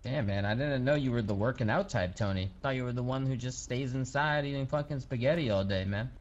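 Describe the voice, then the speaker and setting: A man's voice: mid-range voice, fairly quick, lo-fi sound. A man streaming a game role-play in character, brash and joking with plenty of swearing.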